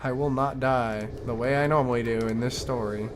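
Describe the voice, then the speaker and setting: A man's voice: medium pitch, steady tone, a little fast, soft background music. A man with a Midwestern accent giving casual, rambling gameplay commentary as a streamer. He swears freely and talks to himself as he plays. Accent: Midwestern American. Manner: rambling, profane, talks to himself while playing.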